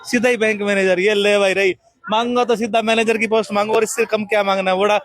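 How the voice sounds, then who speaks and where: A man's voice: high voice, flat delivery, fast, fairly bright tone, dry recording, soft background music. A man reporting live from a religious procession outdoors, rambling commentary with many fillers and chatty questions to passersby. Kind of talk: live on-the-street commentary and interviews. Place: outdoors at a crowded rainy procession.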